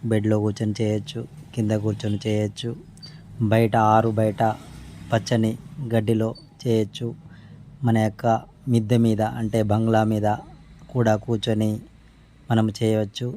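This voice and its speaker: A man giving spoken meditation instruction in a calm, unhurried way, pausing between short phrases. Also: on the low side, a little hiss or hum. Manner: respectful formal greeting. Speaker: meditation teacher.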